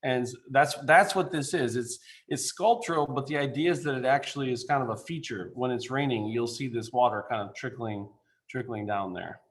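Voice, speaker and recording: Man presenting over a video call, halting. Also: mid-range voice. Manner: informal, halting, many fillers and restarts. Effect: speaking remotely over a video call. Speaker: architect presenting a building design. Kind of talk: presentation to a council.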